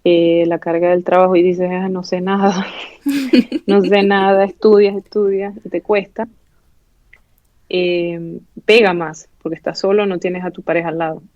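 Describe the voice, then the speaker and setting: Speaking as an interview guest, this pathology resident from Venezuela, a woman in her thirties, chats openly and often stumbles over fillers and restarts. She has a Venezuelan Spanish accent and a lowish, darkish voice, steady and unhurried. There's no room sound, though the audio is dull and lo-fi.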